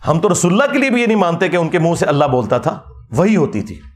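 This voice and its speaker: A man giving an animated, mocking religious rebuttal lecture as a preacher. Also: a little high, quick pace. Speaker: Islamic preacher.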